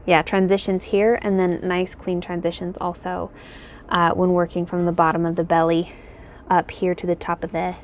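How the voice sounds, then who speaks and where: A woman chats casually at home, thinking aloud and circling back with "um" and "like" as she walks through her crochet designs. Her voice sits a little low. A faint hum of room ambience lies under the recording. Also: flat delivery, normal speed. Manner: rambling and thinking aloud, many fillers. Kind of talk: casual chat. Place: home, indoors.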